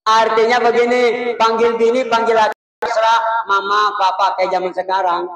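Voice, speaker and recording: A man's voice: sits high, little pitch movement, fairly bright tone. A male preacher giving a humorous, folksy Maulid sermon in a mosque. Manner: joking, folksy, drawn-out religious phrases. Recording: echoey, dull, distant mosque PA.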